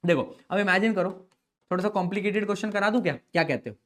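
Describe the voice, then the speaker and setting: A man's voice: sits high, quick pace, fairly bright tone. A young adult man teaching chemistry in a playful, chatty way, joking with his students. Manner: playful, chatty, calls students beta and bhai. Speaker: chemistry tutor. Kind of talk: chalkboard-style lesson explanation.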